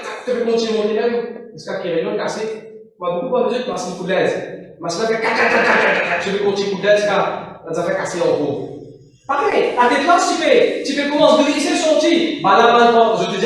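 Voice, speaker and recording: High-voiced preacher in an echoey hall. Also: male voice. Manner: preaching with repeated phrases, mixing in English. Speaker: pastor. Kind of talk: sermon. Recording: echoey hall, distant mic, faint noise.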